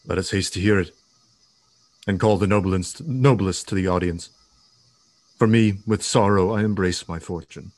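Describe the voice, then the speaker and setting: A man's voice: low voice, moderate pace, long pauses, a little mellow, no room sound. A man acting a grave, commanding warrior prince in a Shakespearean tragedy.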